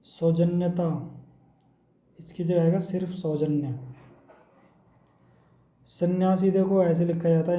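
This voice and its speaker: A man teaching an exam-prep lesson in a steady, drilling manner, taking words one at a time. His voice is dark and mellow yet sits a little high, with a fairly flat, even melody. The room around him adds a noticeable echo.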